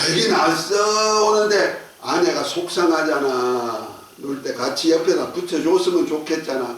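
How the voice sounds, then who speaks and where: A man preaching a sermon as a pastor, folksy and joking, leading the congregation in call and response. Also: a little high. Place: church sanctuary. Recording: echoey church hall, distant mic.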